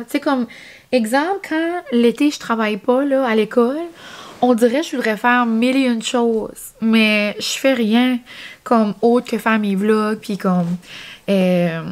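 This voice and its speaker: A young woman with an Acadian French accent, chatting casually in a vlog and rambling with lots of fillers. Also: on the high side. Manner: chatty, rambling, many fillers and "genre, comme". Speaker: vlogger.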